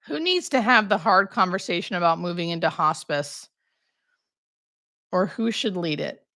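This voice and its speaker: Woman, candid hospice nurse, casual livestream chat, conversational, thinking out loud, very little room echo. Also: on the low side, studio quality.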